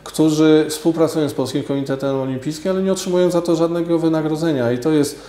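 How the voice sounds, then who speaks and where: Man in his forties, sports official guest, mellow tone, roomy office echo. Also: fairly high pitch. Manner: measured, hesitant, many fillers and restarts. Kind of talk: radio interview answers. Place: office studio with glass table.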